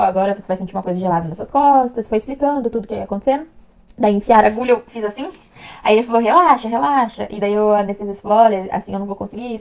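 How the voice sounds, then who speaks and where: A woman's voice: a little high, vocal fry, mellow, poor audio. A young Brazilian woman telling her birth story to the camera in a chatty, emotional way, acting out what others said. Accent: Brazilian Portuguese. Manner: chatty, emotional, acts out dialogue.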